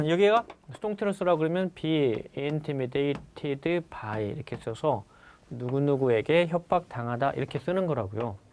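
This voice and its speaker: Lively-pitched male vocabulary lecturer. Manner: explains patiently, repeats key words slowly and often addresses the students; stresses the English words, then lets the Korean explanation trail off quietly. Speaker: English vocabulary instructor for civil service exam prep. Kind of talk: recorded lecture.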